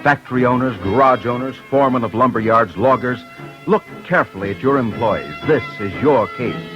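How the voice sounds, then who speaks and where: Reading a scripted mid-century radio crime show, a man with a mid-range voice speaks fairly quickly in a grave, urgent tone, appealing directly to listeners. The old broadcast sounds muffled, with music playing.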